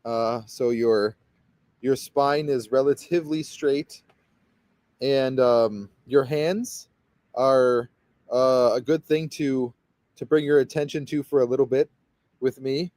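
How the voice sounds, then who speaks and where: A man's voice: medium pitch, steady tone, slow, darkish tone, no echo. A man leading a guided meditation as a spiritual guide, talking in a rambling, hesitant way full of fillers and restarts.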